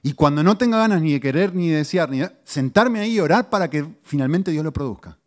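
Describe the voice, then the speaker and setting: A middle-aged man, a pastor giving a conversational sermon to his congregation with lively rises in pitch and asides to the listeners. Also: quick pace. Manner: conversational teaching, animated pitch swings, audience asides.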